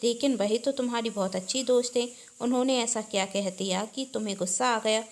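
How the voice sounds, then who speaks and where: A woman voicing a tired young husband back from the office, gently and concernedly questioning his wife in a storybook reading. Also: on the high side, brisk, close to an everyday voice.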